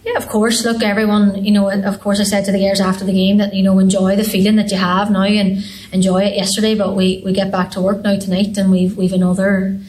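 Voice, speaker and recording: A woman's voice: medium pitch, little pitch movement, brisk, darkish tone, poor audio. A young woman with a Donegal Irish accent answering interview questions as a football team captain. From Donegal, Ireland. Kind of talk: post-match interview talk.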